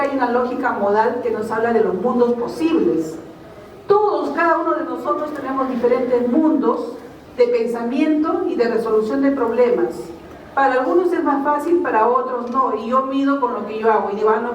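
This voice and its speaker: A woman's voice: on the high side, a little hiss or hum. A woman gives a linguistics lecture at a university fair, explaining with frequent tag questions. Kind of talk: public talk at a vocational fair. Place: large hall at a university fair. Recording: very echoey hall, speaker far from mic.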